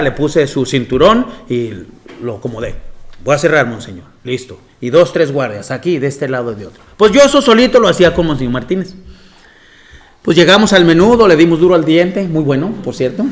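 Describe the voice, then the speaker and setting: A man, a monsignor telling anecdotes in a lecture and often laughing. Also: a little high. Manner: storytelling with frequent laughter.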